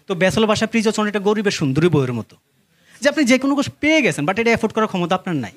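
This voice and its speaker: Fast, high-pitched Bangladeshi male stand-up comic. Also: big pitch swings. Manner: conversational storytelling, addressing the audience and acting out dialogue. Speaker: stand-up comedian. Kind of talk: stand-up comedy performed to a laughing crowd. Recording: live stage recording with faint noise.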